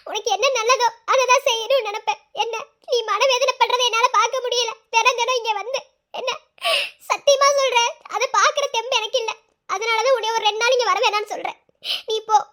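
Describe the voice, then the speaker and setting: A protective cartoon older sister, earnest and begging, as a woman plays her. Her voice is very high and soft-edged with feeling. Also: fairly even intonation, fast. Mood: pleading. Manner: earnest, pleading. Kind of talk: cartoon voice acting.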